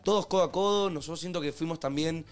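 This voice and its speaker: A young Argentine man talks excitedly with friends in a casual podcast chat. His voice sits a little high, and his speech is quick and full of slang. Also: over loud music. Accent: Argentine Spanish. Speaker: podcast co-host.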